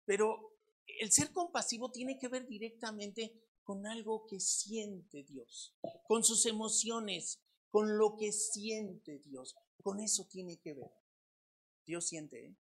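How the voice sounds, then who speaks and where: A Mexican pastor with a Mexican Spanish accent delivers a conversational sermon to his congregation, moving between loud, emphatic lines and quiet, low asides. He poses questions and repeats words, and his voice has a slow, breathy edge.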